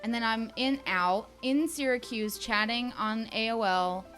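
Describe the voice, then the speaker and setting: Animated storyteller woman in her thirties. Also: fairly high pitch, unhurried, soft background music. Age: 30s. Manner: animated, acts out quoted dialogue. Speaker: streamer's girlfriend, guest. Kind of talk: casual storytelling on a livestream.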